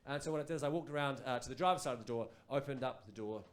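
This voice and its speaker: A man's voice: medium pitch, racing. A man with a New Zealand accent performing a stand-up comedy set on a club stage, telling stories and acting out other people's voices. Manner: animated storytelling, acts out voices.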